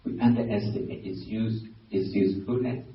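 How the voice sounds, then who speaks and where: A man with a Burmese accent, a Buddhist monk giving a dharma talk, pausing and restarting often as he searches for words. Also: fairly low pitch, fairly even intonation. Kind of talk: dharma talk to a lay audience. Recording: very echoey hall, distant mic, dull lo-fi sound.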